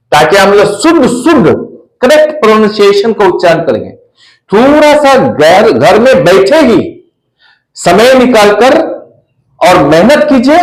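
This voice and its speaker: A man teaching an English pronunciation lesson, repeating every word slowly and spelling it out letter by letter. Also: sits high, roomy sound, rough recording.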